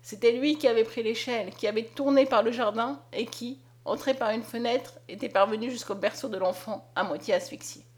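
A woman narrating a story aloud in a dramatic, expressive reading. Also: fairly high pitch. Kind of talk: scripted audiobook narration.

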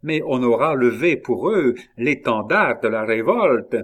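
A man voicing a shrewd, scornful old queen mother who speaks cuttingly and rises into high, sharp exclamations, in a dramatized audiobook reading. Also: animated, measured pace. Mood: scolding.

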